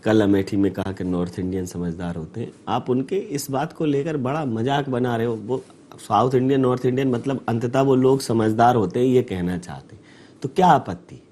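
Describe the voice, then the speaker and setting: A man's voice: mid-range voice, moderate pace, dark tone. A male interviewer with an ordinary mid-range voice. He puts accusations to his guest in a probing, insistent way. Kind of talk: political interview.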